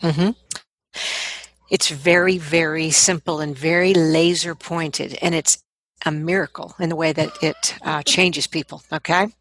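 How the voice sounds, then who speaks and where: A middle-aged woman who works as a vocal coach appears as an interview guest, explaining things conversationally and with animation. Her voice is low-pitched, her pace measured, and the recording dry.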